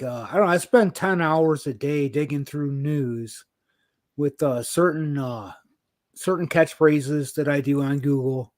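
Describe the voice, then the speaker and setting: A man in his fifties chatting bluntly on a livestream, swearing freely and swinging from calm talk to heated outbursts. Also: a little high, no room sound, clean studio sound. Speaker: livestreamer sharing news of predator cases. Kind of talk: casual livestream chat. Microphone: video call.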